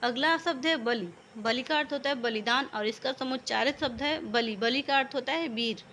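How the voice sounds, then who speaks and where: A woman with a high, somewhat bright voice teaches a vocabulary lesson at a moderate pace, patiently explaining one word after another. A little hiss or hum can be heard.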